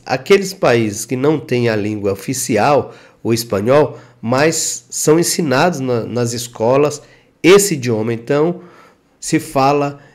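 A man teaches a casual online language lesson at an unhurried, slow pace. His pitch sits in a middle range. He stretches out example phrases and keeps asking the listener to follow along. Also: a little mellow. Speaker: language teacher for truck drivers.

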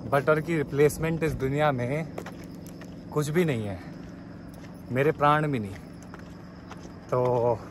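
A man's voice: mid-range voice, background noise. A man talking casually to camera as a walking travel vlogger, chatting with his viewers as he walks along a road outdoors. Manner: chatty, addresses viewers as brothers and guys; talks while walking on foot. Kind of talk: casual vlog talk to camera. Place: outdoors by a roadside.

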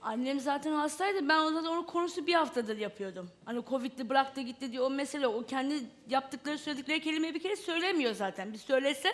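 A woman's voice: high voice, quick pace, few pauses, fairly bright tone. A woman guest on a talk show, arguing her case and firing pointed questions.

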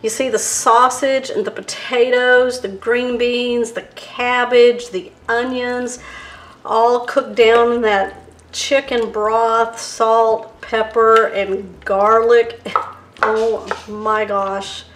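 A woman's voice: fairly high pitch, level tone, takes it slowly, a bit bright. A woman hosting a home cooking demonstration, talking step by step and savoring the food as she tastes it. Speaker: cooking channel host. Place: home kitchen. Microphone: camera framed on hands and countertop. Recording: roomy kitchen with faint music.

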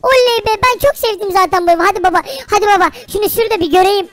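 A man voicing an excitable, whiny little boy in a Minecraft role-play, calling his dad in a chatty way. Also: very high voice, fast talker, no room sound, pitched above the performer's own voice. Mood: eager.

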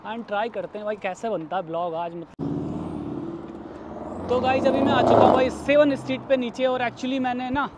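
Out on nighttime city streets with his phone held at arm's length, this Indian vlogger in his thirties narrates chattily, addressing viewers as "guys" and "brother." He has a very high voice at normal speed, with heavy background noise behind him.

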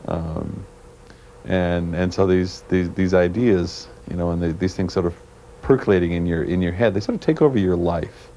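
A man from Canada, a programmer being interviewed, talking in a halting way and searching for his words, heard on a worn VHS tape copy. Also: low voice, warm tone. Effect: worn VHS tape copy with faint hiss. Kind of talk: casual interview talk. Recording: worn tape with faint hiss.

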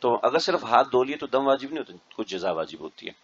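With a medium-pitched, very animated voice that's a bit bright and slightly rough, a mufti teaches a group of pilgrims about religion. He checks their understanding often, and the sound quality is dull and lo-fi.

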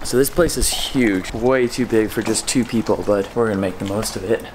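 A man's voice: on the low side, moderate pace, noisy background. Upbeat young man vlogging to camera. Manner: upbeat, chatty, talking to camera. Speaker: travel vlogger. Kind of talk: casual travel vlog. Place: outdoors and in a rented house, on the road. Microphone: handheld camera at arm's length. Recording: background music throughout.

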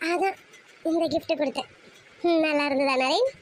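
A woman's voice: high-pitched, moderate pace, a little hiss or hum, close to an everyday voice. A woman voicing a flustered, playful young woman in love, pleading and fretting in an amateur audio romance story.

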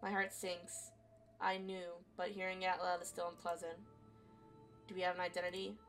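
A woman streamer reading a visual novel aloud as expressive story narration. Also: fairly low pitch, normal speed. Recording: faint game music behind. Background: faint music.

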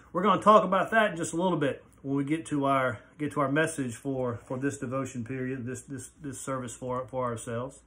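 A pastor in his forties talks in a friendly, rambling way, full of fillers, from a small wood-paneled office. His voice sits a bit high for a man, and he is filmed on a phone at arm's length. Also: a bit bright. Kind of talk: casual video devotion. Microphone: phone camera at arm's length.

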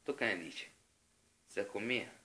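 Comic parody dub: irritable Sicilian complainer, performed by a man, slangy, forceful, foul-mouthed. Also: lowish voice, measured pace. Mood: irritated.

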